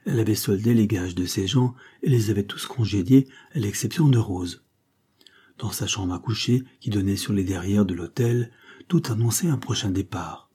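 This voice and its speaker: A man narrating a classic novel in a measured, expressive audiobook reading. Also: on the low side, breathy edge. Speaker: audiobook reader.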